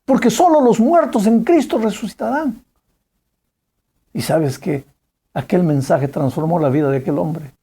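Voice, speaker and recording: A preacher giving a sermon, telling a story with lively emphasis, repeating phrases and asking the listener direct questions. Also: medium pitch, vocal fry, breathy edge.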